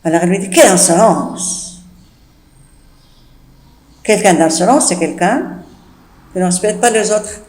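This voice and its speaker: Teacher going over vocab with kids, slow and patient, keeps checking in, roomy echo. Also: mid-range voice, a little mellow. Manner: patient, repetitive, checks understanding often. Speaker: French teacher. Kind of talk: explaining a text to pupils. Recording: echoey room.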